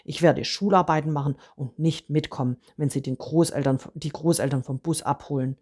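A woman reading a storybook aloud and voicing an upset village boy who shouts in anger and whispers bitterly. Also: low voice, fairly quick, husky. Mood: bitter hush.

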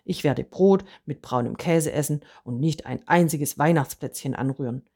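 A woman reading a storybook aloud and voicing an upset village boy who shouts in anger and whispers bitterly. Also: low-pitched, moderate pace, vocal fry, husky, exaggerated voice. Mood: bitter hush.

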